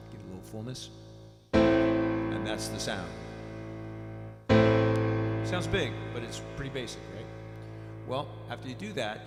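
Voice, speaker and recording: A man teaching piano and singing in a relaxed, casual way, his voice drenched in added hall reverb. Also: lowish voice. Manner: relaxed, demonstrates while explaining. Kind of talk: casual spoken lesson at the piano. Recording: big echoey hall reverb with loud piano.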